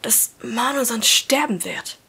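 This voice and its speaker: A woman's voice: a little high, measured pace, creaky, sharp tone, slightly rough, voice pushed up, full character voice. A woman voicing a tense teenage schoolboy who speaks in a raised, hissing way while reading a story aloud. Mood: agitated. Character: teenage schoolboy, tense and sharp with his friend.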